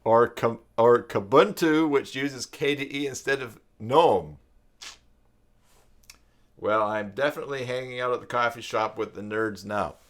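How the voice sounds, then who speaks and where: A man in his 50s, a live stream host and tutorial creator, speaks at a measured pace in a medium-pitched voice. He's in a downstairs room of his home, talking in a relaxed, wandering, conversational style.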